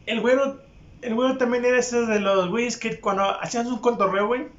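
Young Mexican man, profane and mocking storyteller, fairly high voice; echoey, dull lo-fi recording. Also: steady tone, fast. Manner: crude, profane and mocking, with frequent laughs. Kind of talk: casual anecdote monologue. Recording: echoey room, dull lo-fi sound.

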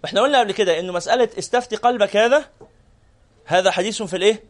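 A man's voice: high voice, rapid-fire. A man with an Egyptian Arabic accent giving a religious lesson to a live audience, firing off rhetorical questions and prompting listeners to answer. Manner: repeats phrases in lists. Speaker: sheikh teaching hadith.

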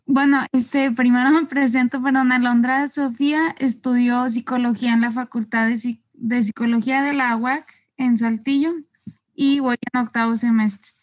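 A woman's voice: a little high, fairly even intonation, normal speed. A young woman, a psychology student asking a question on a video call in a chatty, rambling way.

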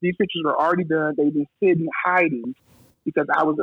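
Husky man on a tinny phone line. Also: a little high, fast, no room sound. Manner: animated, acts out quoted dialogue. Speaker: photographer, guest. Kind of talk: casual storytelling.

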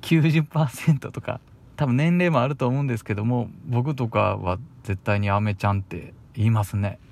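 A man's voice: mid-range voice, moderate pace, vocal fry, darkish tone. A young man with a Kansai accent chatting alone on the radio in a casual, rambling way, sounding a little bashful and chuckling between thoughts. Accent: Kansai Japanese. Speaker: radio host. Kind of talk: casual solo radio talk.

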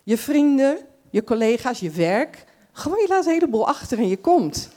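A woman's voice: high-pitched, sing-song, moderate pace, dark tone. A woman giving a chatty farewell address at a church service, full of fillers and restarts.

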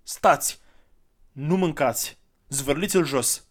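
A tired, kindly traveler on foot, played by a man reading the tale, who coaxes gently in a voice lifted a little above his own. He keeps his patient, mild manner throughout. It comes across as a storybook reading. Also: a little high, pitched above the performer's own voice, natural voice. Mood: coaxing. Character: gentle, weary adult traveler, kind and coaxing.

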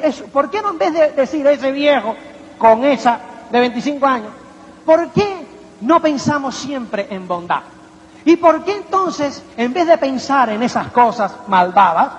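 A man giving a motivational seminar talk to an audience, rhetorical and animated, constantly asking if they follow him. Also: very high-pitched, a little hiss or hum. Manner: rhetorical, keeps asking "¿me entiendes?"; acts out little quoted voices and anecdotes. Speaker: motivational speaker. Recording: echoey hall, dull lo-fi sound.

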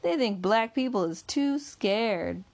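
A woman's voice: fairly high pitch, expressive, takes it slowly, gravelly, a little mellow, voice pushed up, heavily acted. A woman voicing a tough, scheming young man who speaks in clipped street talk in an audiobook. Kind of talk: audiobook character reading.

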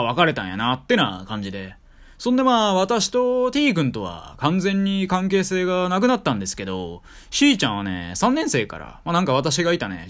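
A young man in his twenties with a Kansai accent, telling a story in a wry, joking way on his stream. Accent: Kansai Japanese. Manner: wry, joking, animated delivery with big pitch swings. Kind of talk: casual storytelling monologue.

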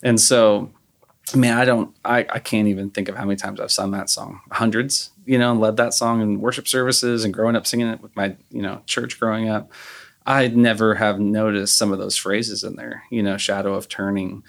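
A man's voice: fairly low pitch, little pitch movement, moderate pace, creaky. A man hosting a podcast, easygoing and chatty, laughing often as he talks. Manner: easygoing, laughs often, many fillers like you know. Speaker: podcast host. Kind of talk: casual podcast chat.

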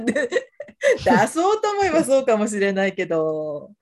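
A woman's voice: medium pitch, wildly swooping pitch, measured pace, darkish tone. A woman from Tochigi co-hosting a podcast, chatting casually and filling in with frequent agreeing sounds. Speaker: podcast co-host. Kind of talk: casual chat.

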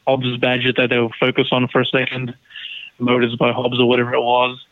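A man's voice: medium pitch, monotone, fairly quick, dry recording. A man talking over a bad connection that keeps cutting out, joining a casual film chat remotely with wry, mocking asides. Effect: bad connection, voice cutting out over a call line. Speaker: podcast co-host reviewing a film. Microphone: remote call, separate from the others. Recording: tinny, choppy online call audio.

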